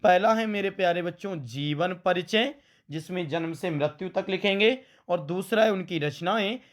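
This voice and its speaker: A man's voice: high voice, normal speed. A man teaching an exam-prep lesson with a western Uttar Pradesh Hindi accent, who often calls his students "beta" and repeats his points back as questions. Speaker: coaching teacher.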